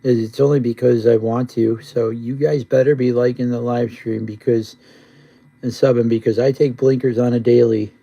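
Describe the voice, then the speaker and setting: Gravelly, monotone stoner guy, dark and husky. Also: mid-range voice, moderate pace, lo-fi sound. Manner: laid-back stoner drawl; repetitive, rambling. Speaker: live streamer. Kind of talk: casual rambling livestream chat.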